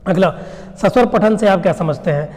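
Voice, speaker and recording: A man's voice: high voice, normal speed, a little mellow, big-room sound. A male teacher giving an exam revision lecture, who asks questions and then answers them himself. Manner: explains by asking and answering his own questions.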